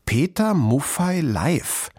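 A man voicing a clever, casual young male fox cub in a storybook, reading aloud slowly and carefully. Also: fairly high pitch, big pitch swings, darkish tone, breathy edge, dry recording, studio quality, voice pushed up, full character voice.

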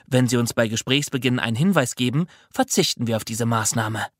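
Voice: mid-range voice, fairly quick, dry recording, studio quality, natural voice. A reader voicing a chirpy, formal recorded hotline announcement in a children's audiobook.

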